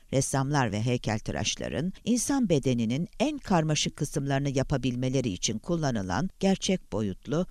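A man narrating a thriller audiobook in a dramatic, expressive reading style. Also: medium pitch, dry recording, studio quality.

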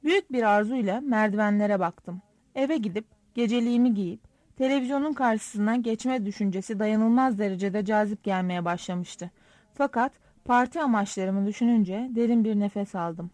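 A woman narrating a first-person audiobook in a lively, wry, self-mocking storytelling manner, close to the mic. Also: medium pitch, normal speed, no room sound.

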